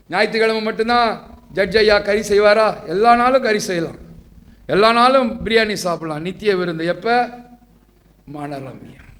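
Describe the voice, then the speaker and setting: High-voiced man preaching a sermon. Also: a bit bright. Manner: preaching with rhetorical questions and call-and-response. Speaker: pastor. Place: church.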